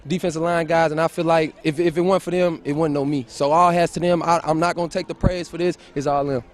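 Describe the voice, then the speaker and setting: A man's voice: a little high, steady tone, fast talker. A young man, a college football player, answering earnestly and casually in an outdoor post-game interview. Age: young adult.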